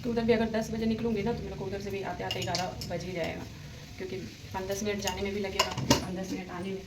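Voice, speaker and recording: A young woman talking through her household chores in a casual daily vlog, rambling, speaking softly and holding the phone herself. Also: mid-range voice, flat delivery, fast, distant mic. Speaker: vlogger. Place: home kitchen. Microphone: handheld phone. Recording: echoey room with household noise.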